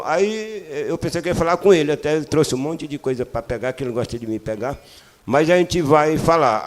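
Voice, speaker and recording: A man's voice: a little high, a little mellow. An older man from Piauí, Brazil, a cordel poet talking at a literary panel in a rambling, hesitant, joking way. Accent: Piauí Brazilian Portuguese. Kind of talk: casual panel talk.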